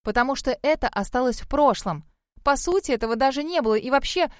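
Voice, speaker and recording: A woman voices a flustered young heroine, pitched a little high and quick to snap back. She sounds defensive and exasperated, with a dry, close sound. This is a storybook character brought to life with a sharp tongue. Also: lively intonation, no room sound. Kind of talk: audiobook character voice.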